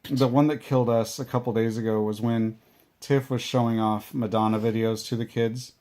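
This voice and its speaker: A man chatting casually on a family vlog, telling stories in a relaxed, matter-of-fact way. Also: mid-range voice, moderate pace. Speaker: adoptive parent, vlogger. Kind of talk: casual chat.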